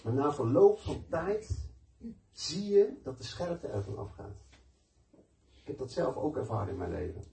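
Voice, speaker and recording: A man's voice: fairly high pitch, big pitch swings, a little slow, creaky, long pauses, mellow, slight background noise. Man preaching in an echoey room. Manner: storytelling, conversational and emphatic. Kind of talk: sermon with personal testimony. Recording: echoey room, mic at a distance.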